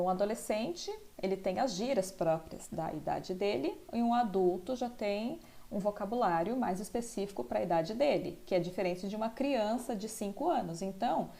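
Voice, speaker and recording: A woman's voice: mid-range voice, vocal fry, dark tone. A woman teacher explaining a school lesson, often checking in with tag questions.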